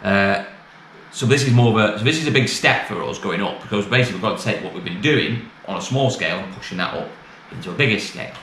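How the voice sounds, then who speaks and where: In an echoey little office with bare walls and clear background noise, a middle-aged British man gives a rambling, matter-of-fact update to camera, speaking colloquially. He is a used car dealer and vlogger, and his voice is on the low side, expressive, quick and a bit bright.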